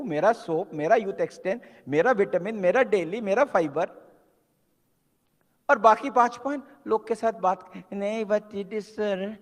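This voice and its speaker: A man giving an emphatic motivational seminar talk, switching between Hindi and English and acting out quotes. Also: high-pitched. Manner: emphatic, preacher-like exhortation. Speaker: motivational speaker at a business seminar. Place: large hall. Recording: long hall reverb.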